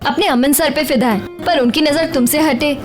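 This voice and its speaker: A woman acting out a playful office friend who teases in a high voice. Music plays behind her in a television drama. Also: moderate pace, lightly acted. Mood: teasing. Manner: playful teasing. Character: teasing young office friend.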